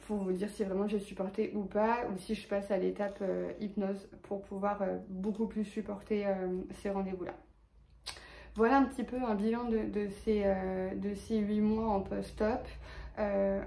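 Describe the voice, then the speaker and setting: A woman's voice: medium pitch, dark tone, echoey room. A woman with a lisp on her s sounds, talking casually and hesitantly in a personal vlog update. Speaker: vlogger.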